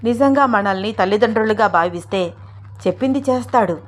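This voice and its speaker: A woman's voice: medium pitch, fairly quick, lightly acted. A woman voicing a stern, grieving older mother in a storybook reading, speaking firmly and with command. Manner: firm, commanding.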